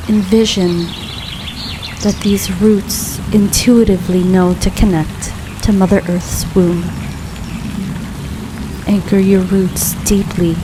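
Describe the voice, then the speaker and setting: A woman leading a guided grounding meditation in a calm, soothing, unhurried way, leaving long pauses between phrases. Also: mid-range voice. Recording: steady rain noise behind voice. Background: rain falling.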